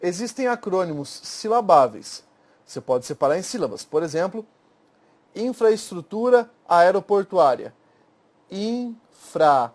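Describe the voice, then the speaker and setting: A man with a fairly high voice teaches Portuguese grammar in a Brazilian accent, in the manner of an exam-prep video lecture. He works through examples step by step, stretches out the words he is showing, and keeps asking the class if they follow. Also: very animated, normal speed, darkish tone. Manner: explains step by step, checking in with frequent "tá?" and "certo?"; slangy and informal at times.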